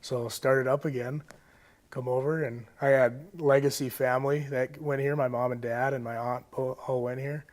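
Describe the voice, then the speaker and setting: A young American college football player from Moorhead, Minnesota, gives laid-back interview answers in short, clipped phrases. His medium-pitched voice stays level at a normal speed.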